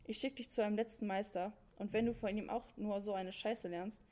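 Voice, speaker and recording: A woman's voice: medium pitch, fairly even intonation, fairly quick, a little mellow, lightly acted. A woman voicing an angry count scolding his son in crude slang.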